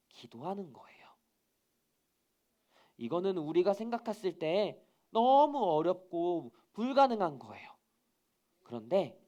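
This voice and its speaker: Lively woman giving a children's sermon. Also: fairly low pitch. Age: adult. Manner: animated storytelling with sudden whispers. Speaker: children's ministry preacher.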